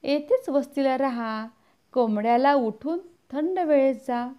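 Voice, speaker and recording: A woman's voice: sits high, measured pace, warm tone, clear, resonant tone. A woman reading the lines of an anxious, caring old village woman in a storybook. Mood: pleading warning.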